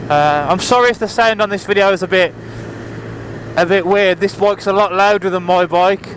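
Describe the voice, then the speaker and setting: Speaking up over his engine, a man rides his motorbike on the road and rambles apologetically through a casual vlog chat with viewers. His voice sits high, is a bit bright, and moves at a normal speed. It's a low-quality recording from a helmet mic with the visor open, with engine, wind, and traffic audible.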